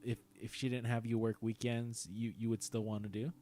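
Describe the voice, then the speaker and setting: Young male host, mid-pitched, relaxed chatty delivery, stumbles and repeats words. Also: fairly quick. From San Diego, United States. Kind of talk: casual chat on a live stream.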